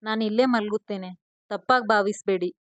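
A woman's voice: mid-range voice, fairly quick, no echo, natural voice. A woman voicing a remorseful young woman who pleads and apologizes through tears. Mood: consoling.

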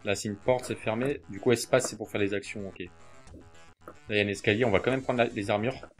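Young guy lets-play commentary, kinda low voice, lots of umms and swearing, faint game music under it. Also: fairly even intonation, fairly quick. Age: young adult. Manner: hesitant, many fillers, swears casually. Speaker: let's play gamer. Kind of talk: casual gameplay commentary. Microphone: desk mic near mouse and keyboard.

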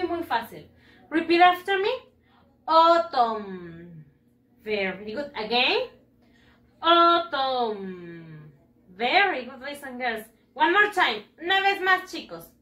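A woman teaching children English, stretching her words slowly for them to repeat. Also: high-pitched, animated, bright, forceful tone, reverberant, recorded from a distance. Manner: switches between English and Spanish. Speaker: primary school English teacher. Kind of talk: bilingual classroom lesson.

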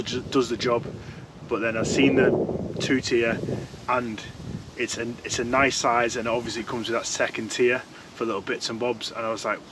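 A man's voice: medium pitch, fairly bright tone, a little hiss or hum, low-quality recording. Chatty young man in a fishing tent. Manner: chatty, rambling, with many restarts. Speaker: fishing vlogger. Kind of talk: casual product review. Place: inside a fishing tent by a lake, outdoors.

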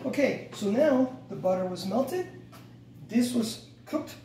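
On his home cooking show, a middle-aged man guides viewers through a recipe in a casual step-by-step demonstration, relaxed and instructive, often correcting himself and repeating "go ahead and." He speaks slowly in a very high voice. A camera mic across his bright home kitchen makes the audio roomy, distant and full of background noise.

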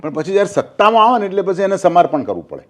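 A man's voice: high-pitched, big pitch swings, very fast, over a noisy crowd. An older man from Gujarat, a former newspaper journalist, talking politics in an interview and telling anecdotes, acting out quoted speech.

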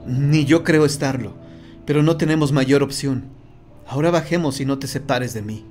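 A man voicing a frightened young woman who gives low, urgent warnings in an audiobook story. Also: normal speed, a little mellow, soft background music, close to an everyday voice. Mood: urgent worry.

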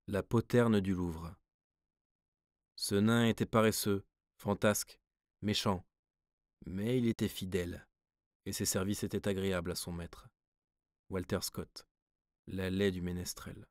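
A man reading prose poems aloud as an audiobook narrator, measured and expressive. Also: deep voice, no echo, studio quality. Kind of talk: scripted literary narration.

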